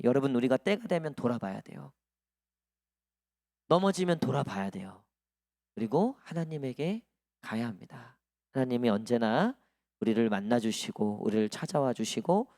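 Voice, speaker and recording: A man's voice: mid-range voice, a little mellow, no echo, studio quality. A male pastor delivering a sermon in a conversational, storytelling way to his congregation. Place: church sanctuary.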